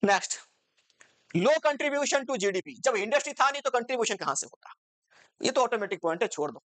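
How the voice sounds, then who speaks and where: A woman's voice: a little high, lively intonation, fast talker, no echo. A woman teaching an exam-focused commerce lecture, asking the class rhetorical questions and switching between Hindi and English terms.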